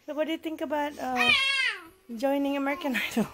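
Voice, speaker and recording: High cooing mom in a noisy home video. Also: female voice, a little fast. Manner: sing-song, cooing, laughing often. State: voice recovering from loss. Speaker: mother filming her baby. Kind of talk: baby talk to an infant. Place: indoors at home. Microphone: handheld camera close up.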